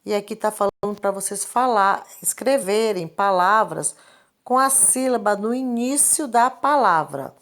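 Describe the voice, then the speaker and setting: A woman's voice: mid-range voice, measured pace, fairly bright tone. A woman, teaching a recorded literacy lesson and patiently repeating each point. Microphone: screen recording, device mic.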